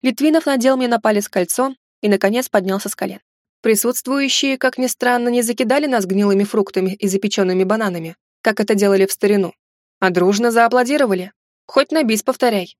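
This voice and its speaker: Expressive woman narrating a novel. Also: a little high, fast, no room sound, clean studio sound. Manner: expressive, dramatic first-person reading. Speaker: audiobook narrator. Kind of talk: scripted narration of a romance novel.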